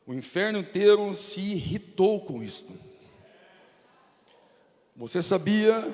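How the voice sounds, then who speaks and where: A man's voice: on the high side, darkish tone. A man with a Brazilian Portuguese accent preaching a fervent, dramatic sermon as a pastor in a church. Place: church sanctuary. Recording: reverberant church hall.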